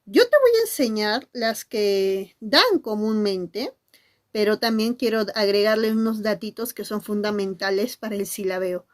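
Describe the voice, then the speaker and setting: A woman teacher gives an animated lesson to camera, asking questions and answering in the voices of her students. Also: medium pitch, a little slow. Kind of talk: classroom-style lesson to camera.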